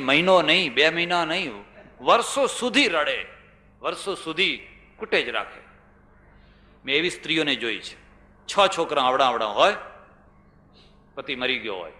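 An older man with a Gujarati accent delivers a religious sermon, spinning stories and driving points home with repetition and rhetorical questions. His voice is bright and forceful. It rings out through a large, echoey hall with a long reverb tail. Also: on the high side. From India. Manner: storytelling, rhetorical questions, repeats phrases for emphasis. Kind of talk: religious discourse to an audience.

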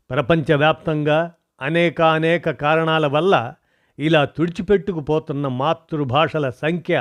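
A man reading an essay aloud in formal, measured narration, phrase by phrase. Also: fairly high pitch.

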